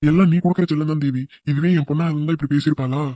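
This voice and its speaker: A man's voice: a little high, fairly even intonation, racing, mellow, dry recording, lo-fi sound, natural voice. Man voicing a stern scolding cartoon father. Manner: commanding, scolding. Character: stern authoritarian father, quick to anger.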